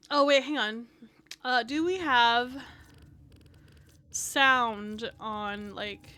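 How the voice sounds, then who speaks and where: A slightly high, soft, small voice comes from a woman VTuber chatting through a casual gameplay stream at home, with a bit of hiss or hum in the audio. Sitting very near her desk mic, she rambles, leans on "like" constantly, and drops swear words casually.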